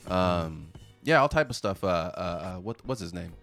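A man's voice: sits low, expressive, moderate pace, fairly bright tone, faint music behind. A man who is an actor, guesting in a casual chat and talking in a laid-back way with many fillers.

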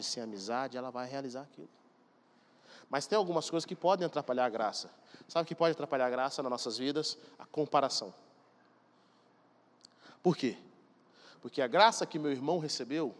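A man preaching a sermon, emphatic and speaking straight to the congregation. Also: medium pitch. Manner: emphatic, addresses congregation directly. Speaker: pastor. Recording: long hall reverb.

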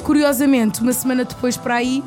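Young girl just chatting about tunes, voice a bit high, music blasting behind. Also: fairly even intonation, quick pace. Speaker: music show participant. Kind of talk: casual chat.

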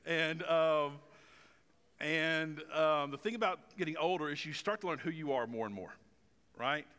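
A pastor in his forties delivers a sermon from a church stage, his fairly high, smooth, sharp-toned voice trailing off into long reverb. He speaks a little slowly in a conversational, self-deprecating style, with some stumbles and fillers.

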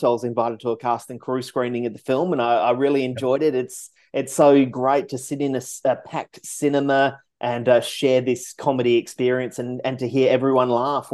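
A man's voice: mid-range voice, darkish tone. A man with an Australian accent hosting a film podcast, reading guest introductions and chatting with filmmakers. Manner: reads introductions, then chats. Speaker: podcast host. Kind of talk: casual interview.

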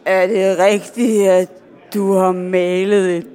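A man's voice: high voice, little pitch movement, a little mellow, faint music behind, lightly acted. An actor playing a pushy man at a bar who knows the listener's father and probes with persuasive questions. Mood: probing. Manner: probing, persuasive. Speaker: stranger at a bar. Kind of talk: radio drama acting.

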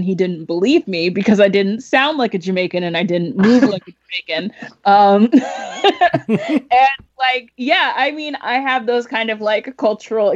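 A young woman appears as a podcast guest, chatting casually about films and rambling along with plenty of fillers and laughter. Her voice is medium in pitch, and the recording has its high frequencies cut off.

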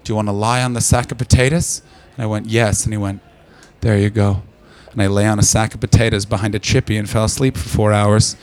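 A man doing stand-up crowd work, brash and profane, teasing the audience and breaking into loud shouts. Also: lowish voice. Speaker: stand-up comedian. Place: London comedy club.

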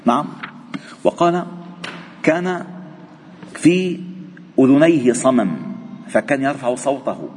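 Lebanese sheikh teaching in an echoing mosque. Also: male voice, mid-range voice, slow, long pauses, slight background noise. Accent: Lebanese Arabic. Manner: reads the text formally, then breaks into lively colloquial asides. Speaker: sheikh teaching a religious text. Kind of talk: mosque lesson, reading and explaining a classical text. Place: mosque prayer hall. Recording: long reverb of a mosque hall.

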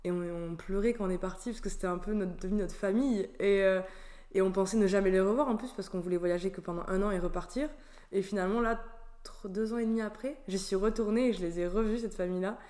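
A woman's voice: medium pitch, steady tone, fast talker, warm tone. Chatty French woman, laughing often. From France. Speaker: guest sharing travel stories. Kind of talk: casual conversation.

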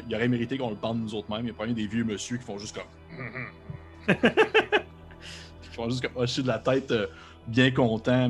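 A man running a tabletop game as game master, describing scenes casually with many fillers. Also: medium pitch.

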